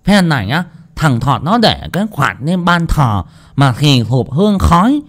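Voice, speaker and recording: A man's voice: a little high, very animated, measured pace, a bit bright, voice pushed up, full character voice. A man voicing an indignant young peasant lad in a folk tale, ranting about a wrong done to him.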